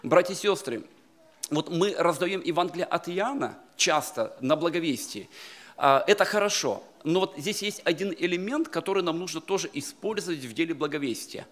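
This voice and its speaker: A middle-aged man preaching a sermon to a church congregation in an emphatic manner that rises to loud exclamations. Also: on the high side, lively intonation, moderate pace. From Slavic Baptist emigrant community in California. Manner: emphatic, rising to loud exclamations, addresses congregation as brothers and sisters. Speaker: pastor. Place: church hall.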